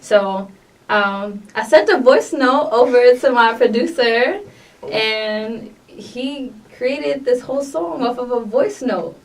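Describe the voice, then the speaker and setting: A woman's voice: fairly high pitch, slow pace. Chatty young woman with a New York accent. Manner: upbeat, chatty, many fillers. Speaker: guest artist. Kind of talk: casual podcast interview. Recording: distant mic with faint noise.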